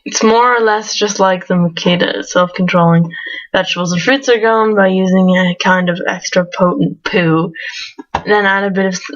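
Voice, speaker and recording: A woman's voice: fairly low pitch, fairly even intonation, moderate pace, muffled recording. A woman playing a game and reading its text aloud, adding casual comments and often breaking into giggles. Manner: giggly, breaks into laughs between read lines. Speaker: let's play gamer.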